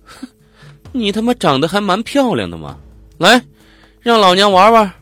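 A man's voice: high-pitched, wildly swooping pitch, moderate pace, pushed and bright, faint music behind, pitched above the performer's own voice, full character voice. A man voicing a coarse, brutal middle-aged female convict who bullies a cellmate, with a crude, sneering, domineering manner in an audiobook. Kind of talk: audiobook character voice.

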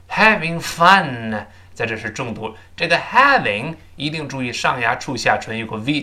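A man teaching English pronunciation, explaining in a conversational tone and repeating phrases slowly and emphatically for learners to echo. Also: mid-range voice, sharp tone. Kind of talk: spoken English pronunciation lesson.

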